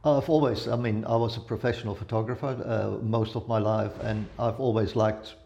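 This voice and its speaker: A man in his seventies, from the Netherlands, chatting as an interview guest in a relaxed, rambling way with many pauses. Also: on the low side, creaky, muffled recording, a little hiss or hum. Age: 70s. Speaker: guest, retired photographer and blogger. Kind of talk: casual interview chat.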